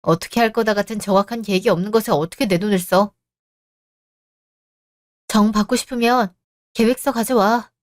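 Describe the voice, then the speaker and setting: A woman's voice: mid-range voice, normal speed, long pauses, no echo, studio quality. Firm cold woman in a radio drama. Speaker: narrator and wife.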